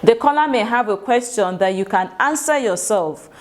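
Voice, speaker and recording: A woman's voice: mid-range voice, animated, moderate pace. Nigerian woman giving staff training. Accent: Nigerian English. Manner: instructive, asks the room questions, acts out sample phone greetings. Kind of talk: workplace training lecture.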